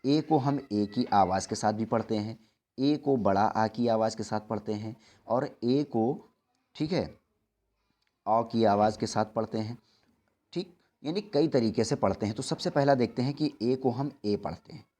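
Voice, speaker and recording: A young man with a fairly low voice teaches English in Hindi. He keeps repeating his reminders and slows almost to a crawl when he spells out examples letter by letter. He stops to fix his own small slips along the way. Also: mellow. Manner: patient, repetitive teacher. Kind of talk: Hindi-language English lesson.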